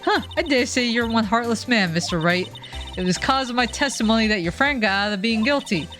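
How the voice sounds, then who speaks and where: A woman's voice: fairly high pitch, lively intonation, brisk, a bit bright, pitched above the performer's own voice. Woman doing a young Southern woman photographer, put-on Southern drawl, folksy, brash, faint game music. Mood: indignant.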